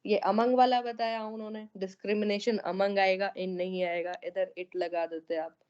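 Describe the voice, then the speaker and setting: A woman's voice: medium pitch, little pitch movement, normal speed, darkish tone, smooth, muffled recording. A woman teaching an online class, going over students' essays and often checking that they follow. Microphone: online meeting audio.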